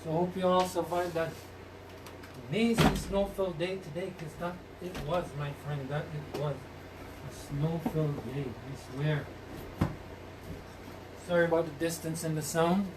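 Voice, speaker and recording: A podcast host with a voice on the high side runs a casual live stream in Rasta-style speech, greeting his community with blessings and repeating phrases for emphasis. His tone is steady and his pace measured, with long pauses. He moves around away from the mic, so the sound is noisy and distant.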